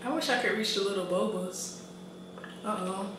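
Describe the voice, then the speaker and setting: A young woman jokes around loudly as she co-hosts a food vlog, then drops to a low mumble. Her voice bounces around a very echoey room, away from the mic. A steady noise runs behind her. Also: normal speed, recorded from a distance. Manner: loud, joking, swings between shouting and mumbling. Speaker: vlog co-host. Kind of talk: casual chat.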